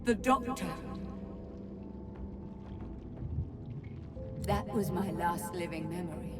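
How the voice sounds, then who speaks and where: A woman's voice: fairly low pitch, animated, normal speed, close to an everyday voice. A woman playing an ancient, sorrowful female tree spirit in a video game, speaking in an unearthly, solemn and pleading manner. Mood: haunted grief. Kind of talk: dramatic video game acting. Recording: echoing hall reverb, distant, music behind.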